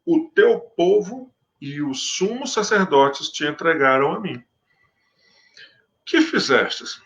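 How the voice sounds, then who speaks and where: A man's voice: fairly high pitch, sing-song, takes it slowly, creaky, fairly bright tone, dull audio, pitched above the performer's own voice, full character voice. A man reading as Pilate, raised and pressing. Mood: questioning. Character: Pontius Pilate, a questioning Roman governor.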